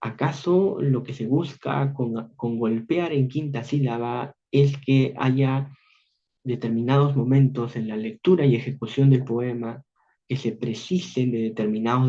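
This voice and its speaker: A man with a Peruvian Spanish accent giving an online university literature lecture, measured and repeating phrases as he explains. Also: medium pitch, dark tone. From Peru. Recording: dull lo-fi online class audio.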